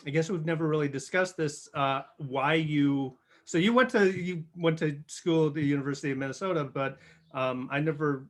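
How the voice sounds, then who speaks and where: A man hosting an interview show, friendly and halting, often restarting his questions. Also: on the high side. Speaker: podcast host.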